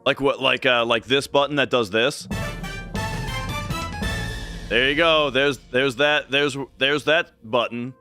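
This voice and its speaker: A man's voice: mid-range voice, steady tone, takes it slowly, pauses often, music in the background. A man live streaming from a home setup, chatting casually while gaming, rambling with lots of fillers and restarts into a studio mic. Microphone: studio mic through a desk mixer.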